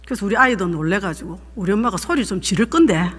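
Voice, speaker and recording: A woman's voice: medium pitch, animated, fast talker, breathy edge. A woman, a pastor's wife giving an emphatic, fervent sermon testimony. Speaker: pastor's wife leading a seminar. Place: church sanctuary. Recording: echoey church hall.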